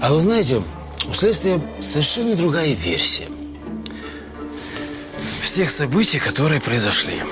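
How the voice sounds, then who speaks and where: A man's voice: on the high side, big pitch swings, unhurried, long pauses, music in the background. An actor playing a composed, probing and sardonic male Soviet police investigator in a screen crime drama. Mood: pointed, sardonic.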